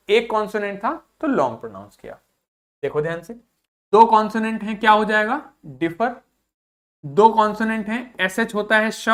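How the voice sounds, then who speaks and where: A male English teacher giving a video lesson in Hindi, who asks questions, answers them himself and repeats example words slowly. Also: high-pitched, a bit bright.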